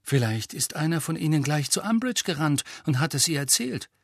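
A man putting on an indignant teenage boy, blunt and quick to flare up, his voice lifted a little higher than a plain reading voice. The sound is dry and close, with no room around it, as in a storybook recording. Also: animated, vocal fry, no room sound. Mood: agitated. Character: excitable teenage boy, hot-tempered, blunt.

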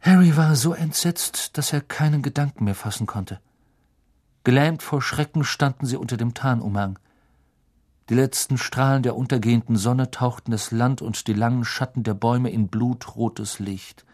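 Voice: mid-range voice, moderate pace, a little mellow. An audiobook narrator reading a novel in a dramatic storytelling manner. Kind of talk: scripted narration.

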